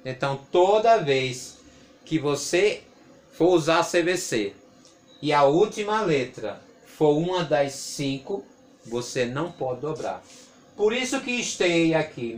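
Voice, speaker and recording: A man with a Brazilian Portuguese accent teaches an English grammar lesson in a classroom, patiently repeating points and posing rhetorical questions. His voice is fairly high, with a little hiss or hum in the recording.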